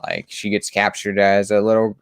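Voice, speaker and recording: A man's voice: on the low side, completely flat delivery, normal speed, smooth, no room sound, studio quality. A man co-hosting a comic book chat show, talking casually and enthusiastically with lots of restarts and fillers.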